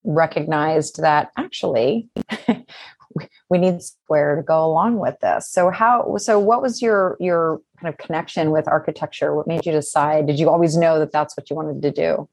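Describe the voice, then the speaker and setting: A woman hosting a podcast interview, chatty and friendly, with quick restarts as she frames her questions. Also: low-pitched, a little mellow, no room sound. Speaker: podcast host. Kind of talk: casual interview.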